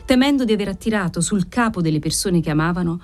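A woman reading a literary novel aloud in a measured, expressive storytelling manner. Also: lowish voice. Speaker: audiobook reader. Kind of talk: literary narration.

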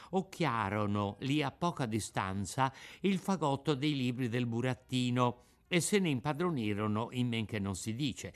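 A man reading a classic tale aloud, telling it in a lively, expressive way. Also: fairly high pitch. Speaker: narrator.

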